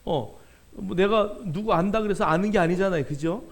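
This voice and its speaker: A man with a notably high, gravelly voice delivers a sermon as pastor. He talks to the congregation like a chat, dotted with filler sounds, slowing right down to stretch key words. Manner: conversational preaching with many fillers and drawn-out emphasis.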